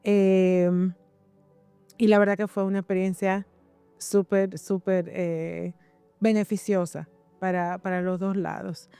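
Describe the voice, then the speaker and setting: A woman's voice: medium pitch, little pitch movement, slow pace, dark tone, smooth, dry recording, faint music behind. A woman instructor, talking conversationally and often searching for words as she explains academic work. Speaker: university instructor.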